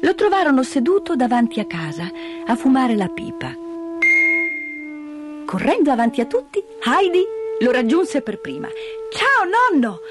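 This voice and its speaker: A woman narrating a children's storybook with lively, expressive delivery. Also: high-pitched, moderate pace, pauses often. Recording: dry close mic, soft music behind.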